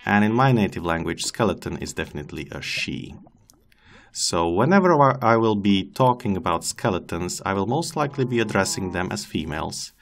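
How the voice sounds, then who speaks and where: Deep and expressive with vocal fry, this man talks briskly as a let's-play host whose first language isn't English. He comments chattily on his gameplay, addresses the animals in the game, and jokes at his own expense.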